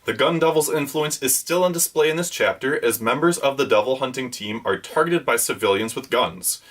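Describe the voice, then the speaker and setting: A man's voice: mid-range voice, animated, brisk, a bit bright. A man hosting a weekly manga review, reading a scripted rundown with enthusiastic fan commentary.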